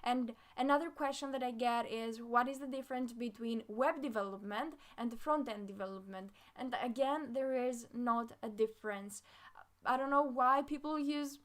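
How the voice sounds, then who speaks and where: A woman's voice: fairly high pitch, normal speed, fairly bright tone. A young woman from Greece hosting a casual live-stream Q&A on coding, chatting with lots of fillers and reading viewer comments aloud. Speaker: live Q&A host, front-end developer.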